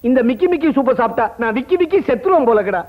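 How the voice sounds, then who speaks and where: A man's voice: very high voice, animated, rapid-fire, narrow, tinny audio. An actor playing a fussy father-in-law in a comedy scene, complaining in a comic way. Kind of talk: Tamil film comedy acting. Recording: film soundtrack with background music.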